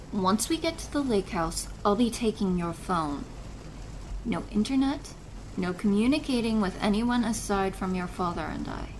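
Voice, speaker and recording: A woman plays a doting yet possessive stepmother in an ASMR role-play drama. She speaks slowly and deliberately at a medium female pitch, motherly, chiding and controlling. A faint wash of rain sits behind the voice. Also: natural voice. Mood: stern, controlling. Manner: slow, deliberate, softly chiding, maternal. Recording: noisy rain ambience behind voice.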